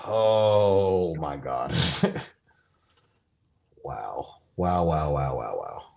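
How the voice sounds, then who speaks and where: A man co-hosting a sports podcast, talking casually in a rambling, animated way with lots of fillers. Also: very deep voice, extremely slow, creaky. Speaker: podcast co-host.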